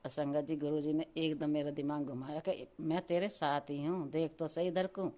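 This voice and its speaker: Woman, middle-aged, devotional testimony, low voice, warm dark tone, repetitive thanks. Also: fairly even intonation, normal speed. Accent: Hindi with Punjabi-flavoured devotional terms. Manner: addresses listeners repeatedly, chanting thanks.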